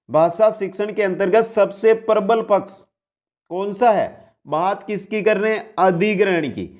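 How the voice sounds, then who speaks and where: A man teaching an online exam-prep lesson, briskly reading each question, restating it and calling out the correct option while addressing listeners as friends. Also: sits high, a little mellow. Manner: brisk quiz-answering, repeats the question then gives the answer.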